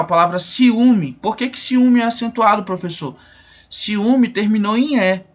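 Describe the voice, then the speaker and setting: A man's voice: sits high, a bit bright. A man with a Brazilian Portuguese accent teaching a grammar lesson, asking questions and answering them himself while repeating the rules.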